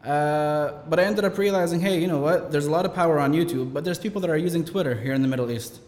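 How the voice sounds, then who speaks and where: A man, a company founder telling his story as an interview guest in lively, casual chat full of quoted asides. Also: fairly high pitch. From Canada. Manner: fast, animated storytelling with many likes and quoted asides. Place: event venue in Dubai. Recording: roomy hall reverb.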